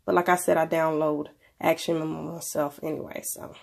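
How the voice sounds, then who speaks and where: A woman's voice: sits low, flat delivery, brisk, creaky. A woman with a stuffy nose from a cold, presenting a casual tech review in an informal, conversational way. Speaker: video presenter.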